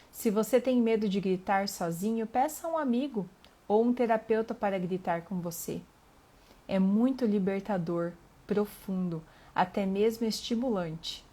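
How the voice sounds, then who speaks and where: A middle-aged woman with a Brazilian accent, hosting a reflective live talk on emotions and reading passages aloud in a calm, earnest way. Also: medium pitch. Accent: Brazilian Portuguese. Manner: calm and earnest, pausing with fillers, asking the listener questions.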